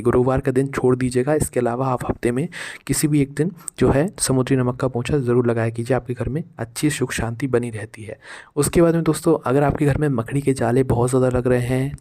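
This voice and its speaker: Mid-pitched man giving casual household advice. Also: mellow. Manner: repetitive, addresses listeners as friends. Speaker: vlogger giving household remedies. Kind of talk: casual advice talk to viewers.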